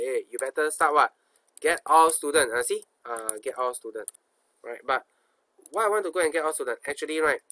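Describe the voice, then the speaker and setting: A programming instructor with a Singaporean accent and a sharp, medium-pitched voice gives an informal coding tutorial. He thinks aloud in colloquial speech, asking himself questions and repeating phrases.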